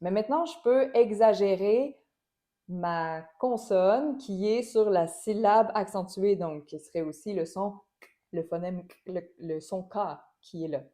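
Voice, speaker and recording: Mellow-voiced woman teaching voice technique. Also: mid-range voice, measured pace. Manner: explanatory, demonstrates sounds and syllables aloud. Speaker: voice and singing teacher. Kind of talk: spoken voice lesson.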